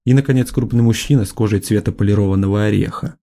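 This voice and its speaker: A male audiobook narrator reads in a steady, measured style. His voice is low and dark, with a mellow tone. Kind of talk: scripted narration.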